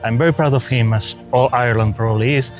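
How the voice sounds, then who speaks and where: A male presenter with a mid-range voice, talking in a chatty, conversational way. Clear music plays under his voice throughout. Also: medium pitch, fast. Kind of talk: video presentation.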